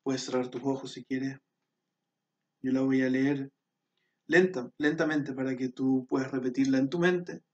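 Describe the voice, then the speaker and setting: A male pastor, preaching and praying earnestly, repeating his phrases and often dropping to a soft hush. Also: medium pitch, steady tone, measured pace, long pauses, far from the mic, muffled recording. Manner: earnest, repetitive and prayerful, often softening to a hush. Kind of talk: sermon.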